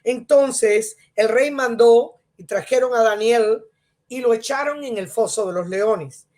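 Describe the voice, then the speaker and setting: A woman's voice: a little high, a little slow, a little mellow. A woman pastor preaching a sermon and reading Bible passages aloud, with frequent tag questions and emphatic exclamations. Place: TV studio.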